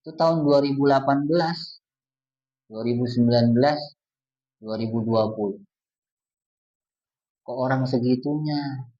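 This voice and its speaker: A man's voice: medium pitch, a little slow, long pauses, mellow. A man preaching a casual, colloquial sermon to a congregation, earnest and speaking directly to his listeners. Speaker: Islamic preacher. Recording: distant dull lo-fi recording.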